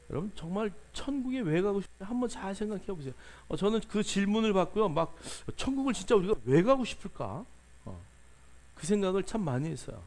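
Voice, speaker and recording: A male pastor delivers a lively sermon in a gravelly, somewhat high voice. He keeps putting questions to his listeners and urging them to answer out loud, with filler sounds running between his phrases. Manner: lively preaching, asks the congregation questions, many fillers.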